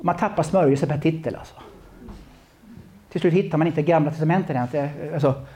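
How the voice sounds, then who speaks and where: A man with a Swedish accent preaching a sermon, repeating himself and swinging between loud calls and quiet asides. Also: fairly high pitch.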